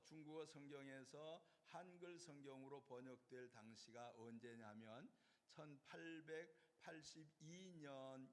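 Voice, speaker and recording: A man's voice: mid-range voice, in a large hall. A man preaching a sermon as pastor, explaining patiently and putting questions to his congregation. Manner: explanatory, asks the congregation questions and answers them. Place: church sanctuary.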